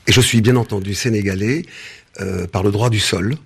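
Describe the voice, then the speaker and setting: A man in his sixties from Senegal, answering interview questions in a measured way with frequent hesitations and restarts. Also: on the low side, fairly even intonation, gravelly, a bit bright, breathy edge. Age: 60s. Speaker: interview guest, business founder.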